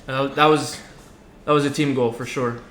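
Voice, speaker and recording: A man's voice: medium pitch, steady tone, normal speed, a loud crowd. A young man, a sports guest, talking casually and conversationally. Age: young adult. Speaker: soccer player, podcast guest. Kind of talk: casual chat. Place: indoor lounge seating area. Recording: roomy echo, faint background noise.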